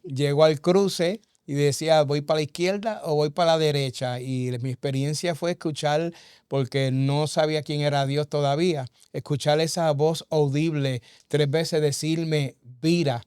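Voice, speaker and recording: A man's voice: on the high side, darkish tone, clean tone, no echo, studio quality. A man telling his personal testimony in an earnest, conversational way, with frequent small fillers. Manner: earnest, storytelling with many "verdad" and "eh" fillers. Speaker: guest giving testimony.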